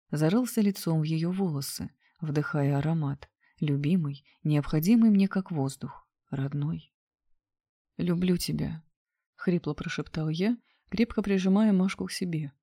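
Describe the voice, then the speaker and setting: Low, mellow-voiced woman narrating. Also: no room sound, studio quality. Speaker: audiobook narrator. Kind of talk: scripted narration of a romance novel.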